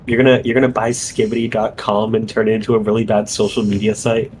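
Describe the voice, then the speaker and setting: A man's voice: fairly low pitch, level tone, fast talker, a little mellow, slight background noise. A young man chatting with a friend over a game, answering in dry, teasing, profane quips. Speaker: friend on stream. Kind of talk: casual gaming chat.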